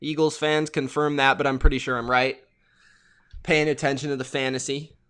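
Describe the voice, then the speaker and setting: A young man hosting a live play-by-play reaction stream, chatty and excitable, greeting viewers by name as he calls the plays. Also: mid-range voice, moderate pace, clear, resonant tone.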